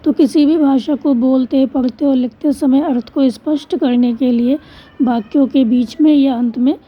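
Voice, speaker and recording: A woman's voice: high voice, fairly even intonation, normal speed, breathy edge. A woman teaching, patiently explaining a school textbook exercise step by step and answering her own questions. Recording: dull lo-fi recording.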